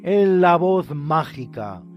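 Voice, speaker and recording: High-voiced male radio host. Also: takes it slowly, highs cut off, over loud music. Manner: announcing, lively and formal. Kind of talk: radio show sign-off and music credits.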